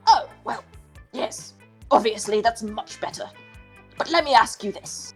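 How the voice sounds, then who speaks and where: A woman voicing a hearty, folksy tiger gym coach with a husky voice and homespun sayings. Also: a little high, lively intonation, unhurried, soft background music.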